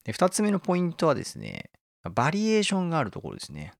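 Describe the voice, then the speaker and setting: Gravelly man chatting, lively dry close voice. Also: on the high side, very fast, dry recording. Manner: chuckles often while explaining. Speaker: host. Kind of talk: casual talk explaining a favourite manga.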